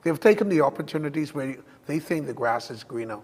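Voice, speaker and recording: A man's voice: on the high side, expressive, fairly quick, a little mellow. Male host, reverberant hall. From Bahamas. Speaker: talk show host. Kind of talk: hosting interview.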